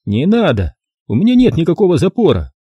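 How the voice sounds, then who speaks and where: A man's voice: fairly high pitch, huge pitch swings, fairly quick, mellow, slightly rough, dry recording, voice pushed up, exaggerated voice. A man voicing a meek but irritable grown son answering his mother in an audiobook. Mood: sullen. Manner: sullen, dutiful. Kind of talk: audiobook character voice.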